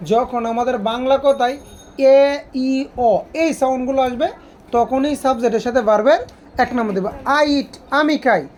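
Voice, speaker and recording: Woman teacher, high-pitched, drills the class with repeated questions. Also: unhurried, darkish tone. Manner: asks students repeated questions. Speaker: English teacher. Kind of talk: classroom grammar lesson.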